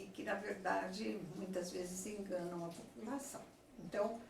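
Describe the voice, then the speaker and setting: A woman teacher, giving a slow classroom lecture and checking in with her students often. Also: mid-range voice. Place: classroom with a chalkboard. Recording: echoey room, voice from far off, faint noise.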